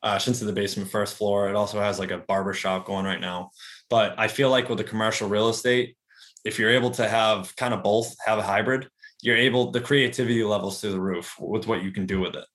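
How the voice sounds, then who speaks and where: Man, early thirties, somewhat low pitch, casual interview guest, rambling, filler-heavy. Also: brisk. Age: 30s. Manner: relaxed, rambling, many fillers and restarts. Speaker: real estate agent and investor, guest.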